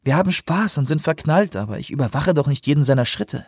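A man voicing a spirited young woman in a German audiobook reading, teasing and quick. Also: on the high side, animated, breathy edge, no room sound, clean studio sound, voice pushed up. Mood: exasperated.

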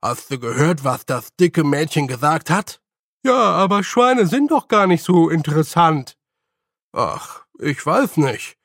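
A man reading an audiobook voices a gang of small, rowdy fairy men who squabble loudly. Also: on the high side, big pitch swings, a little slow, no echo, clean studio sound, full character voice. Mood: squabbling. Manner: loud, squabbling. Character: rowdy tiny fairy men, boastful bickering.

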